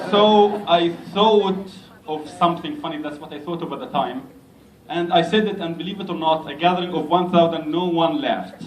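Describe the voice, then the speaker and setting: A man from Egypt, an imam giving an unhurried, gently self-mocking speech to a community gathering in a large hall. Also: on the high side, noisy background. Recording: echoey hall, mic at a distance.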